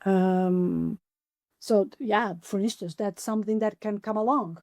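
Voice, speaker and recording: A woman in her forties, a podcast guest, talking enthusiastically in a conversational interview, her voice climbing higher whenever she gets excited. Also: measured pace, dry recording. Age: 40s. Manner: enthusiastic, pitch jumps up when excited; animated, acts out her own inner questions. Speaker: podcast guest, applied philosopher.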